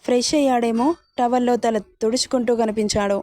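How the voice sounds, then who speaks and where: A woman reads a romance story aloud, her voice pitched a little high yet mellow and soft-edged. She keeps a steady, expressive storybook pace, and the sound is close and dry. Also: fairly quick, dry recording. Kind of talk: scripted romance story narration.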